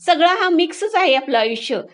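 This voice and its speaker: A woman's voice: extremely high pitch, expressive, brisk. A woman vlogger talking to her women friends, telling a moral story in a casual, conversational way. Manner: warm, conversational, addresses listeners directly.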